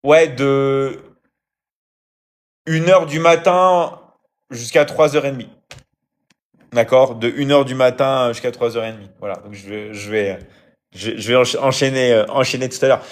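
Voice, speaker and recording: A man talks casually on a live stream, answering comments from viewers. His delivery is hesitant and full of fillers and restarts. He keeps checking that his audience is following. His pitch sits at an ordinary middle level for a man. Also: fairly even intonation, a little slow, long pauses. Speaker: live-stream host and coach.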